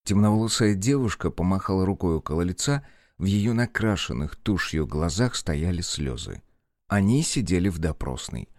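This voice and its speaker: A man narrating an audiobook in a steady, even storytelling manner. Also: low voice, moderate pace, no echo, clean studio sound.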